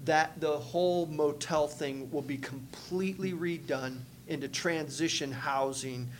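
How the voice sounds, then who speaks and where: A man co-hosting a faith podcast, telling a story in casual chat, animated and acting out what people said, with many restarts. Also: on the high side, a little slow, slight background noise. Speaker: podcast co-host, church multiplication leader.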